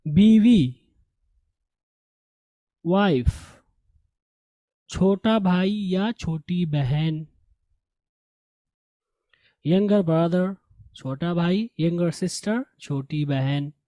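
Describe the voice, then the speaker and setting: A man teaching a language lesson at an unhurried pace, saying each word twice and stopping to fix pronunciation. His voice is soft and mellow, recorded dry and close with no room sound. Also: high voice, no room sound. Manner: slow, repeats each word, corrects pronunciation. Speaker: English teacher.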